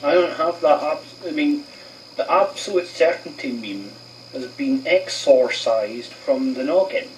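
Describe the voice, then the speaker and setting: A man talks slowly and hesitantly, stopping to restart his sentences. He sits well back from the microphone. A faint hiss runs under the replayed clip. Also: fairly high pitch, lively intonation, far from the mic, low-quality recording. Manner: slow, halting, hesitant. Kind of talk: video clip being responded to.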